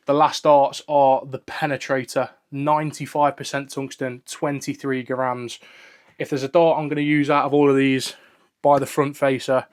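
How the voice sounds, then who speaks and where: Enthusiastic man unboxing darts. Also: mid-range voice. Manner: enthusiastic, repeats "very, very". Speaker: darts reviewer. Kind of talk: casual product unboxing and review.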